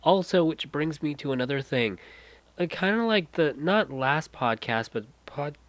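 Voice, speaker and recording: Hosting a solo podcast while congested and nasal from a head cold, a man rambles, trailing off and restarting mid-sentence. His voice is a little high, animated, and a bit slow, with no echo.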